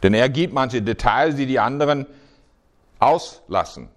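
A man preaching a sermon in a conversational, halting way with frequent restarts. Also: medium pitch, animated.

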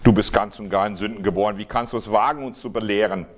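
A man's voice: fairly low pitch, fairly even intonation, quick pace, lightly acted. A man reading the questioning, hostile lines of religious leaders. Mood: accusing. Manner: accusing, interrogating.

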